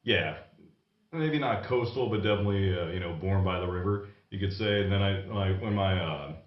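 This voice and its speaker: A musician in his thirties, from the United States, telling his story in a relaxed, casual interview. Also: sits low, moderate pace. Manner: relaxed storytelling with light laughs. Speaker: musician guest. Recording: distant mic, echoey dull room.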